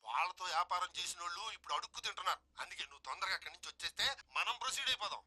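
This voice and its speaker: A man's voice: high voice, animated, sharp tone, breathy edge, full character voice. A gossiping businessman. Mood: gossipy. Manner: suspicious, gossipy, rapid talk. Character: gossiping business partner on the phone. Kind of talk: comic film dialogue.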